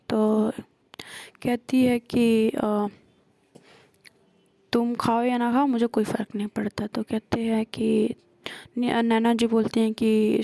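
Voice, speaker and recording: Woman storyteller, gravelly dark voice, flat even delivery, dry close mic. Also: on the high side, no room sound. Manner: retells scenes with quoted dialogue, frequent hesitations. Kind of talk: casual spoken story retelling.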